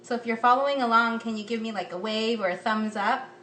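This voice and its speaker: An American cooking instructor in her thirties hosts a live demo from her home kitchen, chatting upbeat with lots of ums. Her voice is a little high, brisk and a bit bright, and the phone camera propped close gives roomy, slightly distant audio with slight background noise.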